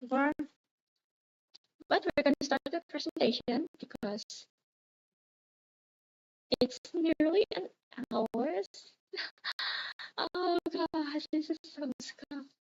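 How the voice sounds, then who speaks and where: A woman's voice: high-pitched, slow, long pauses, a little mellow, no echo. Woman streamer over a choppy connection. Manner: rambling, self-correcting. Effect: choppy, dull livestream audio over a bad connection. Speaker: streamer giving a presentation. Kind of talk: casual livestream chat. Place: at home. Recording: dull lo-fi stream audio, dry.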